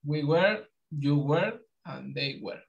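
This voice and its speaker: A man answering as a student in an online class, hesitant and careful. He speaks very slowly in a voice a little higher than most men's. His audio comes through dull and lo-fi over the call. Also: expressive, gravelly.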